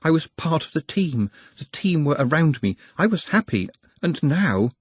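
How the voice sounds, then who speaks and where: A man's voice: fairly high pitch, sing-song, moderate pace, slightly rough, dry recording, voice pushed up. Man doing an anxious, formal young goblin. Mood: earnest, worried. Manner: formal and precise, stutters slightly.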